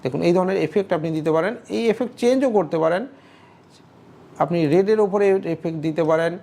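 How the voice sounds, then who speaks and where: A woman's voice: fairly low pitch, a little mellow. A woman narrating a step-by-step screen tutorial, instructive, often checking in with the viewer. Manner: instructive, keeps checking in with "okay?". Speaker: tutorial creator.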